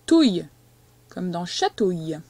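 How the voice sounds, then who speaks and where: A woman teaching a young child to read, speaking slowly and patiently and stressing each syllable as she dictates. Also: on the low side, sing-song, warm tone. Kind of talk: reading and spelling lesson for a young child.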